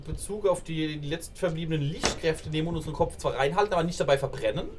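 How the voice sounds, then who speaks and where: A man with a German accent playing in a tabletop role-playing game, excitable and stammering as he thinks aloud. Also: a little high, quick pace. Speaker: player. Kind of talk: casual tabletop game chat.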